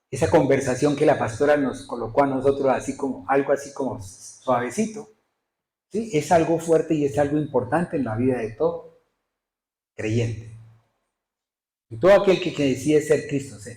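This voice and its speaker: A man's voice: a little high, a little mellow, roomy sound, rough recording. A male pastor preaching a sermon emphatically, often putting rhetorical questions to his congregation. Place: church.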